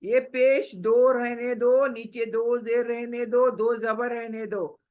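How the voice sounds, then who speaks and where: A woman's voice: fairly high pitch, flat delivery, slow pace. A woman teaching recitation in a patient, explanatory way, repeating and stretching out words to demonstrate them. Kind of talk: slow explanatory lesson. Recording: dull lo-fi recording.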